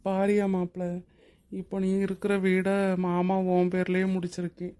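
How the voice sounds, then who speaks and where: A woman voicing a kind, generous middle-aged husband in a cartoon drama, speaking in a warm, steady, reassuring way. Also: lowish voice, moderate pace, clean tone, close to an everyday voice. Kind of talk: Tamil cartoon drama voice acting.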